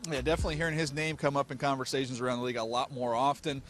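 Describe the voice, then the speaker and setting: A man's voice: medium pitch, little pitch movement, over music. A man hosting a football podcast, moving through segments and talking about draft picks. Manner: brisk, segment-driving host. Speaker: podcast host.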